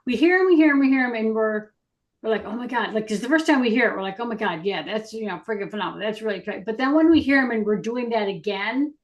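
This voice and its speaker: A woman's voice: on the high side, fast, highs cut off. A woman co-hosting a casual talk show, rambling and laughing easily, with filler sounds like "da, da, da.". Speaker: co-host. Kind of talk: casual chat.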